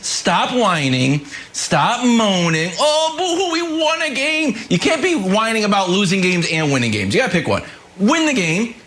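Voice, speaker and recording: Animated, higher-pitched sports talker man. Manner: animated, playful, mocking. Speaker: sports debate show co-host. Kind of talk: heated sports debate.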